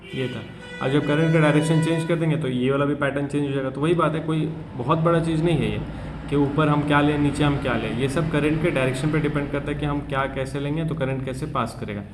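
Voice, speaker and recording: A man teaching a physics class, explaining in casual talk and reading textbook lines slowly. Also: a little high, steady tone. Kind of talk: class lecture. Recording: echoey room with faint hum.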